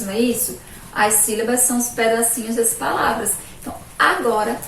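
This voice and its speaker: A woman teacher with a Brazilian Portuguese accent leads a children's video lesson, her slightly high voice sliding up on questions and slowing to stress each syllable. She sounds set back from the camera. The classroom gives her an echoey, roomy sound. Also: distant mic, slight background noise. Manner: cheerful, sing-song questions to pupils, slow stressed syllables. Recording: echoey room, voice from off-mic.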